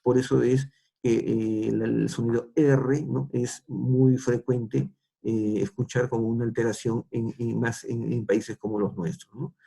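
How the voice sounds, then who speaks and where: A middle-aged man from Peru, with a Peruvian Spanish accent and a creaky, mellow, slightly rough medium-pitched voice, lectures students. He tags almost every phrase with a question and often restarts.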